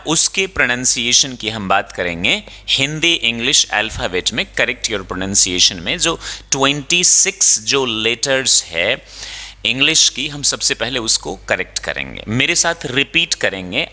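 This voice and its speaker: Male language tutor, slow deliberate drill delivery, bright edge, long room reverb. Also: medium pitch. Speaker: English teacher. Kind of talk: spoken English lesson.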